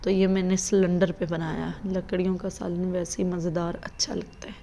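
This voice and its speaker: Brief: chatty thirties mom, flat warm delivery, faint room hum from a phone mic. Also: female voice, lowish voice, normal speed, gravelly, rough recording. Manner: chatty, rambling, quotes her children. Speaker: mother and family vlogger. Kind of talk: casual vlog narration.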